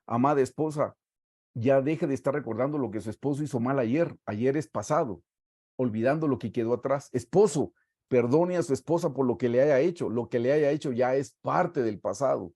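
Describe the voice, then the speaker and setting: A man with a Guatemalan Spanish accent preaching a sermon, reading scripture aloud and stressing words slowly for emphasis. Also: medium pitch, mellow, no echo, studio quality. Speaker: pastor.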